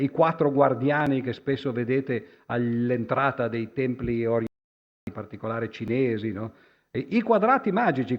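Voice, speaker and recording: A man with a medium-pitched voice lectures publicly with slides in a lecture hall, talking conversationally, hesitating with fillers and restarts and constantly tagging a questioning "no?" onto his phrases. The highs in the audio are cut off.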